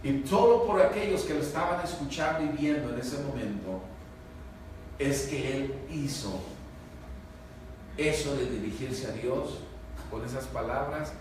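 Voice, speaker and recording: A man, a pastor preaching a sermon emphatically, swinging between loud rises and low hushed lines, often asking the congregation for agreement. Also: a little slow, pauses often, a little hiss or hum. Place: church hall. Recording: echoey church from far off.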